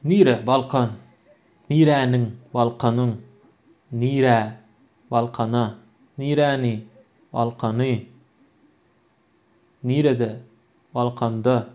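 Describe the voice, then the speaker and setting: Through a muffled, lo-fi recording, a language teacher from Turkmenistan explains grammar with patience, repeating example after example. A native Turkmen speaker with a Turkmen accent, he has a mid-range, slightly mellow voice.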